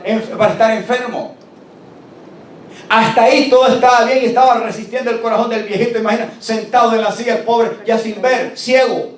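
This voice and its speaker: High-voiced preacher in an echoey church. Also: male voice. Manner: preaching with call-and-response, slowing to stress scripture. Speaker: pastor. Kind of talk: sermon. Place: church hall. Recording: roomy church recording from a distance, faint rumble.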